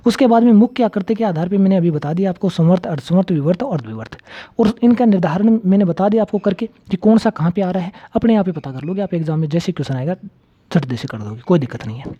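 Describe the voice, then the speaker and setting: A man's voice: high-pitched, lively intonation, fast talker, highs cut off. A man teaching an exam-prep grammar lecture, repeating key terms and asking and answering his own questions.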